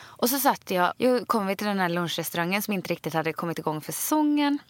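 A Swedish woman co-hosting a podcast, telling a story in a lively, chatty way and acting out what each person said. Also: mid-range voice, dry recording. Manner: animated storyteller, acts out both sides of dialogue. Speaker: podcast co-host. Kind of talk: casual chat.

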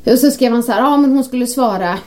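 A woman co-hosting a casual podcast, telling a long story with lively acted-out quotes. Her voice sits a little high, and she keeps a chatty, animated flow. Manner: animated storyteller, acts out quoted texts and calls. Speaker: podcast co-host. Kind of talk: casual chat.

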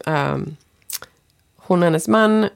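A woman's voice: lowish voice, slow pace, creaky. A woman who is a native Swedish speaker, hosting a podcast in a casual, conversational interviewing style.

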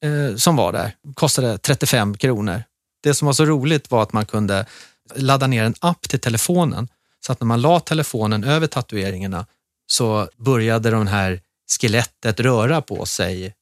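A man's voice: medium pitch, no room sound, studio quality. A man in his thirties co-hosting a podcast, telling stories in a casual, chatty way with many restarts. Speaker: podcast co-host. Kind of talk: casual chat.

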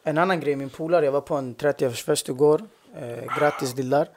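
Guy with a gravelly voice, chill, chatting on a podcast. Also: fairly high pitch, background noise. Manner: short agreeing backchannels, laid-back. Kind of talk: casual chat.

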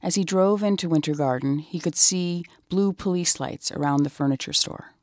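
A reporter giving measured, scripted narration of a true-crime story. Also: medium pitch, darkish tone, no echo, studio quality.

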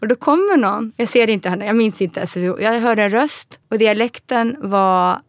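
A woman's voice: on the high side, no echo. A woman, a podcast guest, telling a personal story with emotion, acting out the voices of the people she quotes and laughing often.

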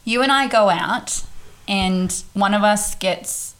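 A woman's voice: mid-range voice, takes it slowly, fairly bright tone. A young woman from Australia co-hosting a podcast, talking candidly in casual chat and laughing often. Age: young adult. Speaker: podcast co-host.

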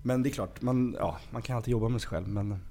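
Swedish actor guest, frank and lively. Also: male voice, mid-range voice, crowd noise. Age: adult with small children. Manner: frank, animated when joking, breaks into sing-song. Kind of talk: casual podcast chat.

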